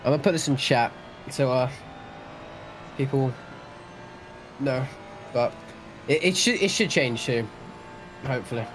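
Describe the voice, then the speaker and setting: A man's voice: medium pitch, expressive, unhurried, long pauses, music in the background. A young Welshman with a Welsh accent giving chatty, self-deprecating live-stream commentary on a sim race, often restarting his sentences. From Wales.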